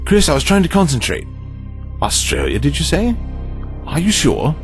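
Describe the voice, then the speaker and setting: A man's voice: on the high side, wildly swooping pitch, moderate pace. A man with a British accent acting a courtly, distracted time traveler in an audio drama, theatrical and inquisitive. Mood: startled, frustrated. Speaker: actor. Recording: loud music bed behind the voice.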